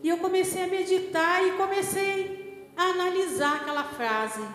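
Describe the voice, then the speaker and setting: A woman's voice: very high voice, moderate pace, a bit bright. A woman pastor with a Brazilian Portuguese accent, preaching a sermon in a conversational way and often checking in with the congregation. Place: church hall. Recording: echoey church hall with music. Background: music.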